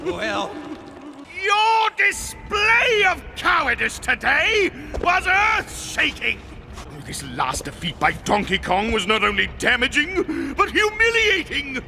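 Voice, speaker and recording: An actor playing a pompous, scheming, hot-tempered crocodile king in a cartoon, with a gravelly voice and melodramatic delivery. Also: extremely high pitch, wildly swooping pitch, slow pace, slight background noise, exaggerated voice. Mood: scolding. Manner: pompous, melodramatic, bellowing then silky. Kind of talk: theatrical cartoon villain acting. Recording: cartoon soundtrack with loud music.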